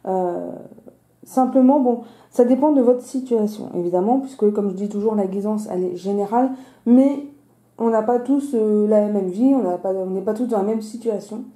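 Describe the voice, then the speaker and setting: A woman's voice: medium pitch, moderate pace, dark tone. A woman with a slushy lisp on her s sounds, hosting a casual, explanatory card reading. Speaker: host of a weekly card-reading video. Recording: roomy, echoing sound.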